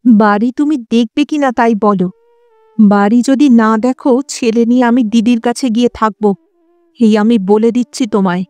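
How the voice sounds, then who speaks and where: An indignant young wife voiced by a woman narrator in a storybook reading, firing back bitter, reproachful retorts. Her voice sits fairly high yet mellow, recorded close and dry. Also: normal speed, no room sound, natural voice. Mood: angry. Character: indignant young wife and mother, sharp-tongued. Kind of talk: audiobook character voice.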